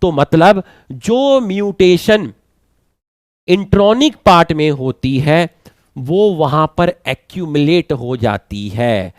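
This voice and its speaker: A man teaching biology, slowly dictating and repeating phrases for students to write down, mixing terms into his talk. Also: on the high side, lively intonation, dry recording. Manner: repeats phrases slowly for note-taking, mixes English terms. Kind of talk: lecture, dictating notes.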